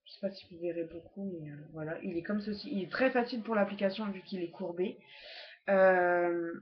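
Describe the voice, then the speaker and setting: A woman's voice: fairly low pitch, a little fast. Chatty woman on a lo-fi webcam. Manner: hesitant, many fillers and restarts, chatty. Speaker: beauty vlogger. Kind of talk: casual makeup haul review. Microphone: laptop webcam. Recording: lo-fi laptop webcam audio.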